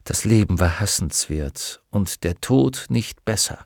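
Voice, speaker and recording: A man narrates an audiobook in a measured, dramatic manner. His pace is slow, and his voice has a gravelly texture. The recording is close and dry. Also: fairly low pitch, expressive, dry recording.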